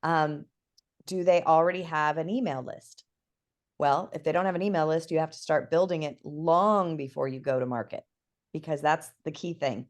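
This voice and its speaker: A chatty woman with a slightly low voice talks casually as a guest expert. She explains things in a lively, conversational way, full of fillers and quick "right?" check-ins. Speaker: guest expert on NFT projects.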